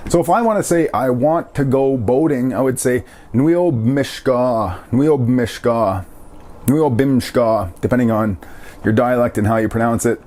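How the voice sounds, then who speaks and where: A man giving a casual language lesson, repeating each word slowly and joking lightly as he explains. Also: mid-range voice, darkish tone. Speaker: language teacher.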